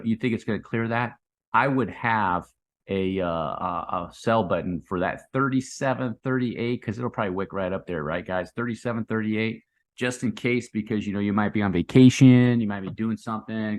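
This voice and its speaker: A man giving casual, unscripted chart commentary in a hyped, slangy crypto bro manner, rambling and repeating phrases for emphasis. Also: lowish voice. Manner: hyped, slangy crypto bro talk, saying 'man', 'dude' and 'guys'.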